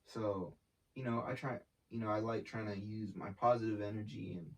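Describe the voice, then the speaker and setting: A man's voice: lowish voice, fairly even intonation, normal speed. A young man, talking casually in an interview in a laid-back, slangy way. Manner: laid-back slangy talk, swearing, filler-heavy. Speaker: artist and brand founder. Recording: voice from a distance off the mic.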